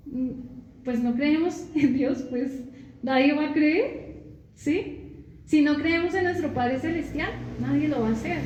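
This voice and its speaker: A woman preaching a sermon, slow and repetitive, often asking the listeners to answer. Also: sits high, darkish tone, roomy sound, highs cut off. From Colombia. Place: church.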